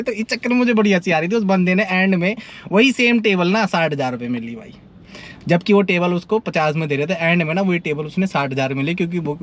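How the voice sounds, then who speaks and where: A young man from India with a Delhi Hindi accent, telling a story in a chatty, casual vlog and often calling the viewer "bhai". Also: high voice. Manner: chatty, keeps saying "bhai", laughs while telling a story. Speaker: nightlife vlogger. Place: in and around a car on city streets.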